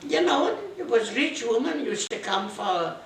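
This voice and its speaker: Elderly woman in her nineties, gravelly voice, slow halting speech, roomy room heard from a distance. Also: fairly high pitch, very animated. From Eastern Europe (now Belarus). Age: 90s. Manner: halting, repetitive, broken English, quotes her husband's words. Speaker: interviewee, grandmother recalling her life. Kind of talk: reminiscing storytelling in an interview. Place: home room in Montreal. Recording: roomy, distant camera mic, faint noise.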